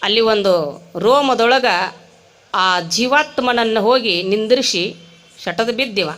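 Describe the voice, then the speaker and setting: A woman's voice: fairly high pitch, lively intonation, unhurried, a bit bright. A woman preacher with a North Karnataka accent, telling a comic story in a sermon and animating each character. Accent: North Karnataka Kannada.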